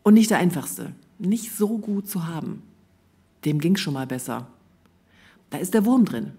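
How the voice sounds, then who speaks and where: A woman reading aloud from her own prose at a literary event, calm and measured, giving the quoted dialogue a light touch. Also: fairly low pitch, slightly rough. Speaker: author reading from her work. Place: event venue.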